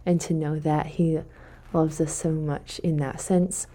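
A woman speaking in a slightly low, warm and mellow voice, hosting a devotional podcast. She talks in a relaxed, conversational way and thinks out loud, pausing to correct herself now and then. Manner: thinking aloud, with self-corrections. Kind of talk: casual faith reflection talk.

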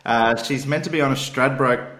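A man's voice: mid-range voice, a little fast, fairly bright tone, a little hiss or hum. An Australian man on a racing podcast panel, chatting and telling anecdotes in a blokey, slangy way. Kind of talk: casual chat and anecdotes. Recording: roomy, echoing sound.

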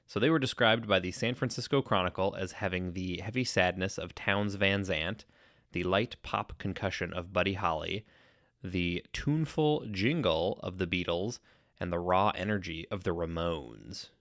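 A man co-hosting a podcast in casual chat, slightly congested from allergies, relaxed and chatty. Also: sits low, moderate pace, no room sound, studio quality. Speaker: podcast co-host.

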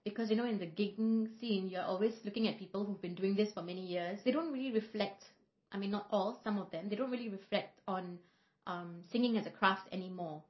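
A woman who is a singer and vocal coach, from Singapore, telling stories in a relaxed podcast chat with frequent fillers. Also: mid-range voice, a little fast. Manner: reflective, storytelling, frequent fillers. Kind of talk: casual podcast conversation. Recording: roomy, slightly dull podcast audio.

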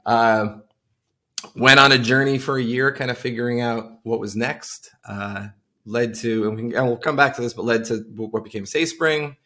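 In a mid-range voice that sounds pushed and bright, this middle-aged Long Island man, a tech entrepreneur, speaks at a moderate pace as a podcast guest. The conversation is a relaxed interview full of anecdotes.

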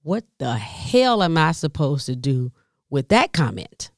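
A woman telling a personal story to an audience, expressive, with dramatic pauses and direct asides to her listeners. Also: sits low, no echo, studio quality.

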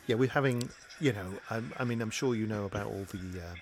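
A man's voice: on the low side, a little fast, a little hiss or hum, natural voice. A man playing an awkward, self-important middle-aged amateur actor who hesitates and stammers. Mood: fussy. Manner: hesitant, fussy, many ums, stammering. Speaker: improvised comedy performer.

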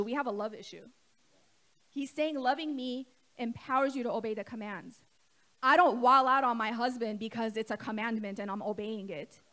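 A woman pastor, middle-aged, delivers a sermon from the pulpit. Her voice sits a little high, and she talks to the congregation directly, throwing questions out to them. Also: fairly bright tone. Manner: conversational preaching, asks the congregation questions. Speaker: co-lead pastor.

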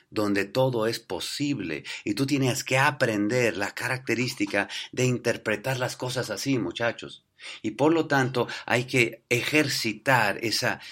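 A man's voice: fairly low pitch, fairly bright tone. A man giving a motivational business talk, telling stories and tossing rhetorical questions at his listeners. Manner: storytelling, addresses listeners as "muchachos", tag questions.

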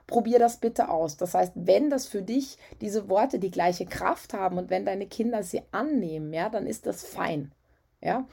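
Woman, parenting coach, husky slightly breathy voice, casual advice talk. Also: medium pitch, a little mellow. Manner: conversational, frequent "ja" and "ähm" fillers.

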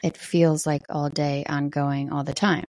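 A middle-aged woman with a low morning voice, talking casually and reflectively in a personal solo check-in as a podcast host. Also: level tone, a little slow, darkish tone, no room sound, studio quality. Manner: reflective, conversational.

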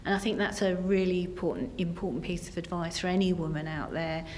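A senior business executive from Essex, England, speaks as an interview guest, answering earnestly and conversationally with plenty of "you know" and "kind of." Her voice sits on the low side and is a little mellow, her pace a little quick, with slight background noise.

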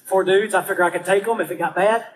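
Preacher guy spinning a funny story, high voice, acts out every line, bit of hiss behind. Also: quick pace. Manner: animated, acts out quotes in raised voice. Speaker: pastor. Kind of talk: storytelling sermon.

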